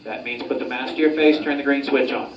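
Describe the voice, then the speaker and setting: A man's voice: medium pitch, steady tone, a little fast, dull audio. A man working as a training instructor, giving a group drill instructions in a directive but informal way. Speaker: military-style hypoxia training instructor. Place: enclosed training chamber. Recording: roomy, distant mic, clear background noise.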